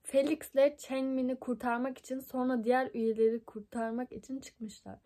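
A woman's voice: sits high, little pitch movement, normal speed, warm tone. A young woman reading a fan fiction book aloud into her phone, stumbling over words and laughing at it, her voice a bit scratchy from a tickly throat. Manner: amused, mocking asides, frequent laughs and stumbles.

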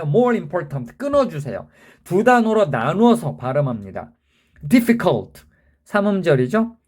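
A man's voice: a little high, darkish tone. A man teaching a grammar lesson, who spells out word endings letter by letter and keeps quizzing the viewer in an emphatic way.

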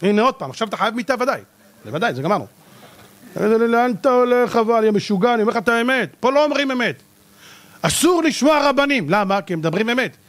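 A man, a rabbi, giving a theatrical sermon who acts out the people in his stories. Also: sits high. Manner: theatrical, acts out people with shouting and mocking voices. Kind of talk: animated Torah sermon.

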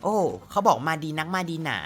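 A woman's voice: low-pitched, animated, a little fast, faint music behind. A woman streaming a slot game, chatting playfully with her viewers and exclaiming at each spin in casual gameplay commentary.

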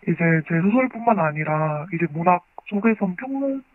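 An interviewed author on the phone, voice disguised by pitch-shifting downward, explaining calmly and factually. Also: normal speed, no room sound. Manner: calm, factual, methodical explaining. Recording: tinny phone line.

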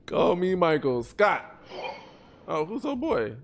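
A man giving live gameplay commentary as a streamer, excitable and trash-talking, swearing and laughing often. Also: high-pitched. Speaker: gaming streamer.

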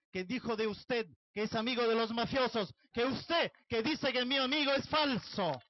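A man's voice: sits high, no echo, muffled recording. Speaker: man, Sicilian, Italian accent, protest speech, insistent, dry recording. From Italy, Sicily. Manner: impassioned, demanding. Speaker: activist speaker.

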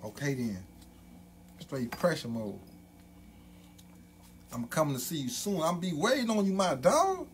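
A man's voice: on the high side, very animated, unhurried, pauses often, slight background noise. Hype man talking through a gold grill. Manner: hype, repetitive catchphrases, loud ad-libs. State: speaking with grill on teeth. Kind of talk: casual hype promo vlog.

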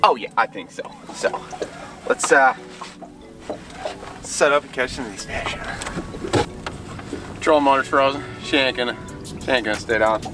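An excitable man in his thirties, filming his own fishing trip with a camera held at arm's length. He talks casually, hyped up, outdoors on a lake, with music playing behind him. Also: medium pitch, moderate pace, long pauses. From Minnesota. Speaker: fishing vlogger. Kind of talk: casual outdoor vlog talk. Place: outdoors by a lake, then in a small boat on open water. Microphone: camera mic, handheld at arm's length then on a mount.

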